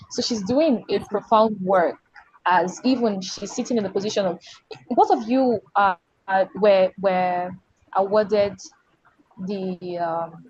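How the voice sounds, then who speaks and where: A woman's voice: mid-range voice, darkish tone, husky, no echo, dull audio. A woman hosting an online panel over a video call, circling back and restarting her questions. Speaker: panel host.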